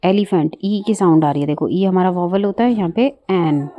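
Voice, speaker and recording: A woman's voice: on the low side, moderate pace, muffled recording, slight background noise. A woman teaching English words, explaining step by step and asking the listener questions. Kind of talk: bilingual vocabulary lesson.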